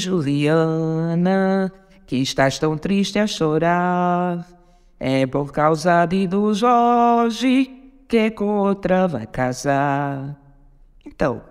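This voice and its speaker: A woman hosting a podcast, giving a patient, deliberate spoken lesson on poetry and counting syllables aloud. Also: fairly low pitch, in a large hall. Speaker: podcast host teaching poetry.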